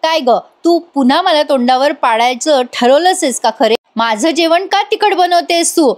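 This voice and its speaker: A woman's voice: high voice, a little slow, voice pushed up. A woman voicing a smug, sly young husband who swings between fake apologies and sneering, in a drama recap. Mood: irritated. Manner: mock-apologetic, then sneering.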